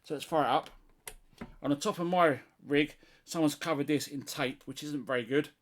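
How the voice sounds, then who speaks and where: A middle-aged British CB radio hobbyist, his voice on the high side, gives a casual hands-on demonstration at a moderate pace. He speaks unscripted, thinking aloud as he tests.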